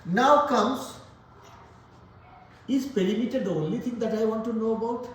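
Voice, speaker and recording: Man, math teacher, joking motivator, high-ish voice, distant echoey classroom. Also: moderate pace, a little hiss or hum. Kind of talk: classroom lesson.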